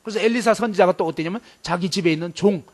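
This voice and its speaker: High-voiced man preaching emphatically. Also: racing. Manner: emphatic, fires rhetorical questions at listeners; acts out scenes vividly. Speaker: preacher at a student camp. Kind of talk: sermon.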